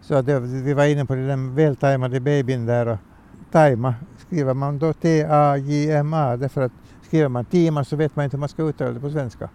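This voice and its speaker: An older man speaks in a warm, mellow voice at an ordinary pitch. He answers interview questions about language in a measured, thoughtful way and pauses to restart his sentences now and then. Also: fairly even intonation, clear, resonant tone. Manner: measured, slightly hesitant, repeats words. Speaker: retired language columnist, guest.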